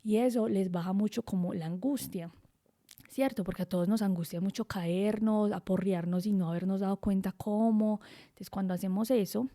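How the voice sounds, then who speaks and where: A young woman talks through parenting advice on her podcast. Her voice is mellow and warm, with a middle pitch, and she often checks in with her listeners in a relaxed, conversational way. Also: moderate pace. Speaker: podcast host, psychologist. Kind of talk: informal talk on parenting.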